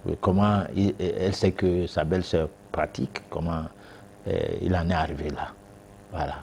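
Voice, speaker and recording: A man's voice: deep voice, steady tone, moderate pace, darkish tone, a little hiss or hum. A man, a guest expert on a TV talk show answering viewers' questions, hesitant with many fillers and restarts.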